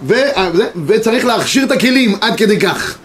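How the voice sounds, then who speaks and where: High-voiced rabbi teaching a class. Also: male voice, lively intonation, crowd noise. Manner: explains, reads sources aloud, checks in with students. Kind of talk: Torah class lecture. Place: classroom with students.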